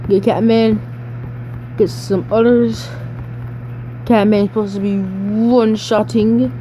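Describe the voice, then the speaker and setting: A woman giving casual gameplay commentary, excitable and rambling, jumping into high squeals and dropping to mutters. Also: slow, a little hiss or hum, rough recording. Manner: rambling, trails off mid-sentence. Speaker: gaming channel host.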